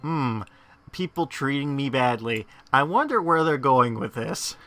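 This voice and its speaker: A man gives casual gameplay commentary as host. His voice is bright and forceful, with mid pitch. Faint game music plays behind him. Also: expressive, measured pace.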